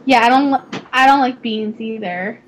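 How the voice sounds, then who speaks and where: A young woman with a Southern accent, chatting and giggling in a rambling, excitable way while live-streaming a game. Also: a little high, moderate pace. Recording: slightly dull, faint noise.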